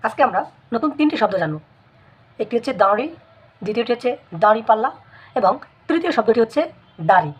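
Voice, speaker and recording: A woman teaching a spelling lesson in a measured way, repeating words for emphasis. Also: fairly high pitch, lively intonation, husky. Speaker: language teacher. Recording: dull lo-fi recording.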